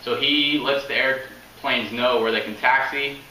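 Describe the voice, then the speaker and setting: A young adult man gives an informal informational speech as a student in a room at home, captured by a camera a few meters away. His mid-range voice is bright and forceful, with fairly even intonation and a measured pace, and the recording sounds roomy and distant with faint noise.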